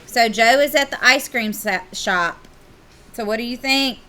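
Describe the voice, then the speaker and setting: Lady teacher in class, highish voice, playful teasing, slow. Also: bright, forceful tone. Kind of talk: classroom lesson.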